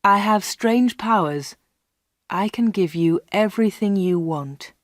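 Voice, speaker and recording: A menacing man with strange powers, as a woman reader puts him on, speaking low, quiet and insistent. The voice sits a little lower and softer than her own, in a dry, close recording. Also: unhurried, no room sound, lightly acted. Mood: quietly menacing.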